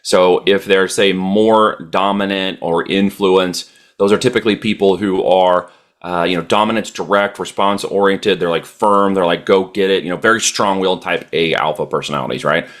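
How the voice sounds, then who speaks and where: A man with a very deep voice answers interview questions about selling online. He talks confidently and with emphasis, and he often stops to fill pauses as he builds his points. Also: fairly even intonation, a bit bright. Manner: confident, emphatic business talk with frequent fillers. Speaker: e-commerce entrepreneur guest.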